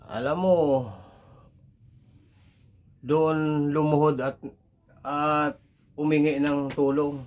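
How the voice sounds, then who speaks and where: A man narrating a comic folk tale in casual, rough talk. He swears easily and keeps turning to the listener. His voice sits a little higher than most men's. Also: flat delivery, extremely slow, pauses often, darkish tone. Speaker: storyteller.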